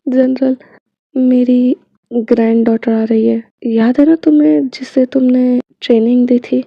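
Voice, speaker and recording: A kindly, formal army general in a romance storybook, voiced by a woman. He speaks in a measured way with a gravelly edge. The sound is dry and a bit dull. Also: on the high side, steady tone, no room sound.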